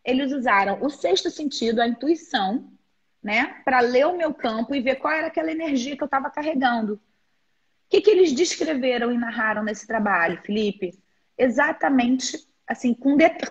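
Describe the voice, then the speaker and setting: A woman in her forties with a Brazilian accent and a slightly high, husky voice. She speaks as a guest therapist on a live stream, explaining earnestly with frequent restarts. The sound is dull and muffled. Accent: Brazilian Portuguese. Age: 40s. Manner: earnest, halting, with many restarts and quoted inner speech. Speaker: guest therapist and teacher of energetic alignment.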